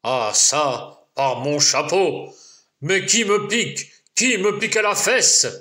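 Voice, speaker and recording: A man's voice: sits high, very animated, takes it slowly, sharp tone, voice pushed up, exaggerated voice. A man doing a blustering big woodcutter. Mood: indignant. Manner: exclaiming oaths, growling threats.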